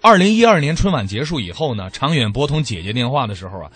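A man's voice: medium pitch, big pitch swings, fast talker, a bit bright, husky. A man presenting a comedy programme as host, reading prepared introductions and anecdotes. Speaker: radio show host. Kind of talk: scripted presenting.

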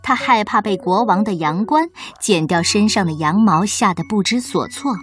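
A woman hosting and reading a children's bedtime story aloud, gentle and expressive. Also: mid-range voice, normal speed, soft background music.

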